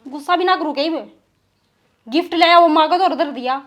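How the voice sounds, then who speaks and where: A woman playing a sulky young wife with a Haryanvi accent. Her voice is high and scolding, and her temper flares quickly. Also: expressive. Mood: sulking.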